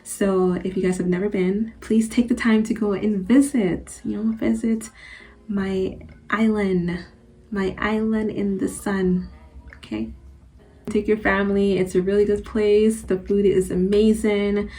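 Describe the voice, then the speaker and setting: A young woman from Antigua, born in Guyana, chatting casually to her channel in a relaxed, rambling way. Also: medium pitch, unhurried. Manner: chatty, relaxed, loose with fillers. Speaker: channel host. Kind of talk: casual personal vlog.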